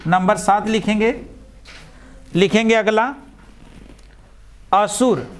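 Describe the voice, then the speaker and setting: A male teacher, dictating vocabulary slowly and repeating each word. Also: high voice. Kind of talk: dictation-style Hindi vocabulary lesson.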